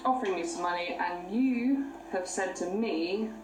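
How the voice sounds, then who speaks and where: A woman's voice: fairly low pitch, moderate pace, soft background music, low-quality recording. A British woman chatting casually, plain-spoken and informal, with slang in her speech. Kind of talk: casual conversation.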